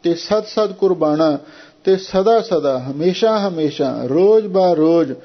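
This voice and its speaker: A male preacher in a devotional sermon, his voice sitting a little high. He stretches quoted verses out slowly before explaining them in plain, everyday talk. The recording is dull and lo-fi. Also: animated. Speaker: Sikh preacher giving scripture commentary.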